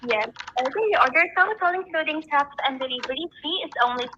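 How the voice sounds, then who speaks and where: A woman's voice: high voice, quick pace, sharp tone, highs cut off, slight background noise. A woman taking a phone order, polite and scripted, reading back the order in a businesslike way. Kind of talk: customer service phone call.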